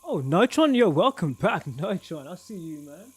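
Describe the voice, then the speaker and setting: A man's voice: high-pitched, very animated, moderate pace, husky. Chatty man streaming games. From England. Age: 30s. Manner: chatty, laughs often, answers viewers. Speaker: game streamer. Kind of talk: casual live-stream chat. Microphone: desk microphone.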